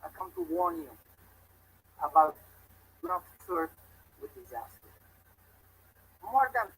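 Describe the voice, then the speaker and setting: A man's voice: sits high, wildly swooping pitch, slow, gravelly, slightly rough, low-quality recording. A man from Venezuela, giving a solemn public speech as a warning. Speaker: speaker at a public event.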